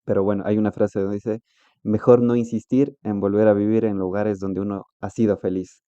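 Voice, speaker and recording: Male interviewer, low and monotone, dark timbre, dry close sound. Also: normal speed, clean tone, no echo, lo-fi sound. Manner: rambling questions, frequent "ujú" backchannels. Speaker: interviewer, podcast host. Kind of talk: casual interview talk.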